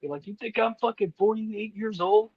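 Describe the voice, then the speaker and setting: A man co-hosts a wrestling podcast, blunt and profane in his banter. His voice sits a little high. The recording is dull and lo-fi, with a dry, close feel. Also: normal speed, slightly rough, no room sound. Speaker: podcast co-host. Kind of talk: casual wrestling chat.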